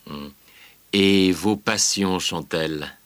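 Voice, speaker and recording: A male interviewer asks his questions slowly and with deliberate care in a scripted exam dialogue. His voice sits somewhat low. The recording is dry and close-miked, with no room echo. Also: fairly bright tone.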